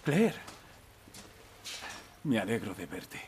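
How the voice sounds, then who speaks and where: Leon Kennedy, earnest, expressive young cop. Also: male voice, fairly low pitch, slow, background noise. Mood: concerned, reassuring. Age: young adult. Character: earnest, protective young male police officer. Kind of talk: dubbed video game cutscene acting.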